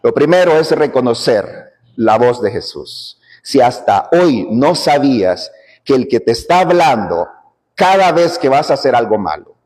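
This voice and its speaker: Man, preacher, sermon, emphatic, lively swooping delivery, echoing hall. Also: medium pitch, a little slow. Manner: emphatic, repeats phrases, rises to shouting.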